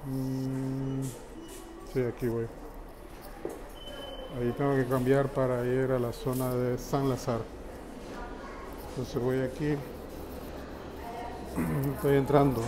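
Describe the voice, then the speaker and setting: A man casually narrating a handheld tour of an underground metro station, explaining each step to viewers in a relaxed way. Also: mid-range voice, slow pace, long pauses, music in the background, poor audio. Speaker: travel vlogger. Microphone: handheld phone camera. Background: station ambience and passing trains.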